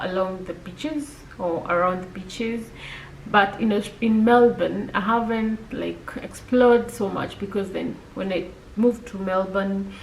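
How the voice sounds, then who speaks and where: Woman with a Kenyan accent, chatty vlogger with a gravelly voice, mid-range pitch. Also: a little hiss or hum, poor audio. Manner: chatty, with frequent filler pauses. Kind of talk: casual talk to camera.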